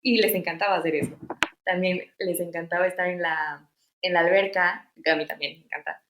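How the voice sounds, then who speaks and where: Speaking fairly quickly in a fairly low, fairly even voice, a woman in her thirties with a Mexican Spanish accent chats as an interview guest about things she has lived through. She uses lots of fillers and restarts. The sound is roomy, with background noise.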